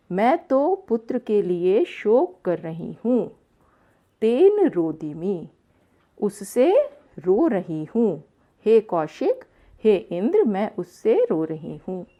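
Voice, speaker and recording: A woman teacher works through a lesson line by line in an unhurried, measured delivery. Her pitch rises and falls a great deal as she repeats and explains each phrase. The recording is dull and lo-fi. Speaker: Sanskrit teacher.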